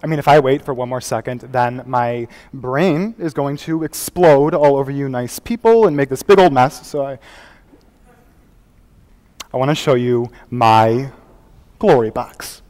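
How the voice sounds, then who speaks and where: A young adult man, a high school competitive speech performer, delivers a dramatic interpretation monologue on stage before an audience in a large, echoey hall, captured live at the contest. His voice is mid-range, a little mellow, and natural as he plays an earnest performance artist, moving from nervous and eager to defiant and hurt. The storytelling is theatrical yet conversational, with dramatic pauses.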